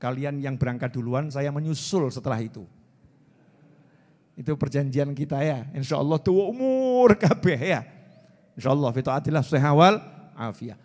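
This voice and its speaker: Man, 40s, javanese accent, preacher, animated sermon, high voice, reverberant hall. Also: normal speed. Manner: animated, acts out dialogue, asks audience questions. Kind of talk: lively religious sermon.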